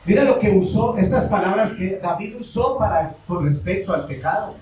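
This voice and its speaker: A man preaches fervently, shouting at the peaks, in a high voice. He is picked up from a distance in a very echoey church hall with a faint hum of room ambience behind him. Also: moderate pace. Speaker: pastor. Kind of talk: sermon.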